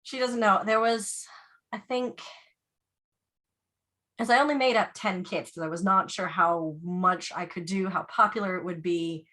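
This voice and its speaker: A woman's voice: mid-range voice, measured pace, pushed and bright. A woman and yarn dyer chatting casually as a guest on a video call, laughing often.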